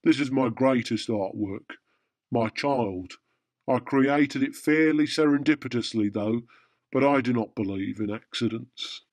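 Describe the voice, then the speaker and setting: A man's voice: medium pitch, measured pace, darkish tone, dry recording, close to an everyday voice. A man playing an immortal, philosophical Santa in a radio pantomime, lofty and sly with blokey asides. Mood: grand, persuasive. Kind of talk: radio drama pantomime acting.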